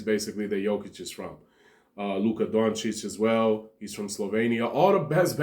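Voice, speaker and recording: Rambling slangy man vlogging. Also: medium pitch. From Montenegro. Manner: rambling and animated, slangy, laughs between points. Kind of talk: casual commentary monologue.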